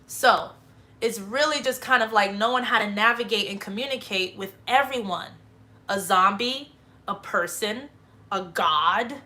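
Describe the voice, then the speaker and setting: A woman's voice: mid-range voice, a little slow, sharp tone. A woman hosting a livestream, giving a rambling spiritual monologue full of swearing and emphatic bursts. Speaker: livestream host.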